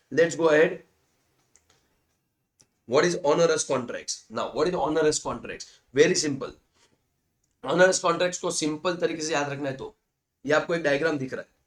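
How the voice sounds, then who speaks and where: A man with a fairly high, slightly bright voice gives an accounting lecture on slides in Hindi mixed with English. He reads definitions slowly, then explains them quickly, repeats key points and calls his students "guys."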